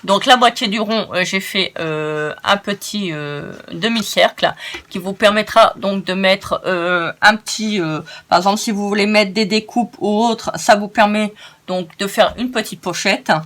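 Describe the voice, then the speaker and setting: A woman's voice: mid-range voice, unhurried, a bit bright. Tired, chatty northern French woman crafter. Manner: chatty, rambling, many hesitations, laughs at herself. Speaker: crafting tutorial host. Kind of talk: casual step-by-step craft tutorial.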